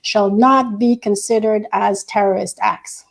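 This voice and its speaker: A woman who grew up in Senegal, speaking as an activist guest on a panel, earnest and measured with frequent hesitations. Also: mid-range voice, fairly even intonation, gravelly. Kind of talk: panel discussion.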